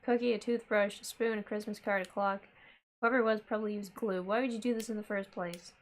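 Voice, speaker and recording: A woman's voice: medium pitch, steady tone, brisk, a little hiss or hum. A woman playing a horror game, commenting expressively and reacting aloud as she plays. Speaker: gaming streamer. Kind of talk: let's play commentary.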